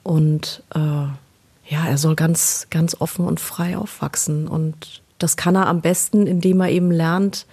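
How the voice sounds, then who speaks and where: Low, gravelly, husky woman in an interview. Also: fairly even intonation, unhurried, dark tone. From Germany. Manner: earnest, with frequent hesitations and repeated words. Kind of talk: personal interview.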